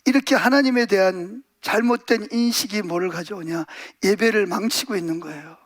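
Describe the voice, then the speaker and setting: A man preaching a Sunday sermon as pastor, animated, acting out little scenes and putting questions to the congregation. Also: high voice, normal speed. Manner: animated, acts out voices and asks the congregation questions.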